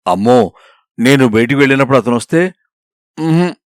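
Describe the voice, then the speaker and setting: Expressive male storybook reader. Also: mid-range voice, moderate pace, no room sound, studio quality. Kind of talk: scripted storybook narration.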